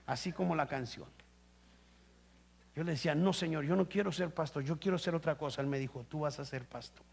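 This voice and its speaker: A man preaching a sermon as pastor, swinging between loud emphatic bursts and low quiet stretches, asking the congregation questions. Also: fairly quick, creaky, slightly rough. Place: church. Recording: live stream.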